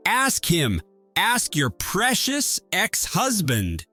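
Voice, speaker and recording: A man's voice: high-pitched, wildly swooping pitch, extremely slow, bright, forceful tone, faint music behind, voice pushed up, heavily acted. A man voicing a furious jilted groom who barks angry accusations. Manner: angry, barking.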